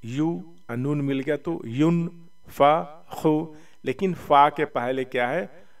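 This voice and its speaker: A man leads a lesson in reading the Quran, spelling each syllable out slowly and stretching it, then rushing through short explanations. His voice is clean and resonant. It sounds slightly distant from the mic. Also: on the high side. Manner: slow drawn-out syllable spelling, quick asides of explanation.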